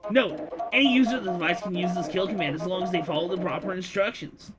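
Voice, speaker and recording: A man's voice: high voice, fast, voice pushed up, natural voice. A man doing a gleeful scheming demon. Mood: showy. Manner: showy, excitable, sing-song. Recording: music playing behind voice.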